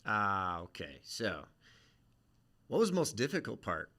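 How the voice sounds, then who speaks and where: A man from Iowa hosts a casual live-stream interview, joking and teasing himself between questions. His voice sits very low but carries a bright, forward edge. He speaks over a video call. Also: very animated, unhurried. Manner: jokey and self-deprecating. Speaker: interviewer and host.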